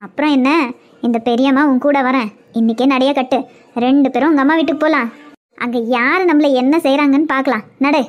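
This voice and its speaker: A woman's voice: high voice, fairly even intonation, fairly quick, dull audio, lightly acted. A woman voicing an older aunt in a cartoon, a caring but scolding elder with a Kanyakumari Tamil accent. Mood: bossy, caring. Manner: bossy, coaxing, scolding. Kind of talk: cartoon web series voice acting.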